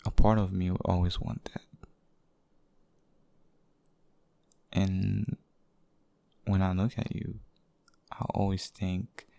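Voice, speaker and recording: A devoted boyfriend, acted by a man, speaks in an intimate ASMR role-play, hushed and halting. His low voice stays in a narrow, even range. It is tender and a little possessive, recorded very dry and close. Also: gravelly, no room sound, exaggerated voice. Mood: tender, reassuring. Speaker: audio role-play performer.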